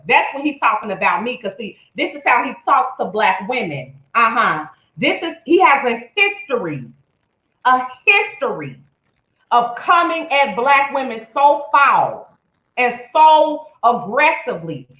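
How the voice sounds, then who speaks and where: Woman ranting on her live stream, blunt and cussing, kinda high voice, echoey. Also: big pitch swings, moderate pace, a bit bright. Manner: blunt, profane, indignant. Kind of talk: heated commentary.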